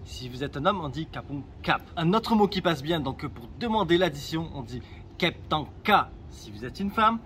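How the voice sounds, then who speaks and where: A man's voice: fairly high pitch, animated, a little fast, few pauses, fairly bright tone, slight background noise. A man giving casual travel advice in a vlog, chatty and direct with joking asides, recorded outdoors in a town. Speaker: travel vlogger.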